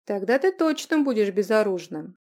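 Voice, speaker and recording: A woman's voice: mid-range voice, big pitch swings, moderate pace, darkish tone, natural voice. A woman voicing a cold, commanding nobleman. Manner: commanding, ironic.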